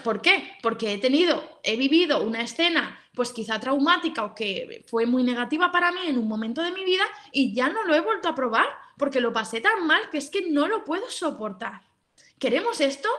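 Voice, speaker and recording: A woman's voice: fairly high pitch, fairly bright tone. A woman with a Spain Spanish accent hosting a live session on children's eating, explaining in a chatty way and reading out chat comments. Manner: chatty, explanatory, many fillers and rhetorical questions.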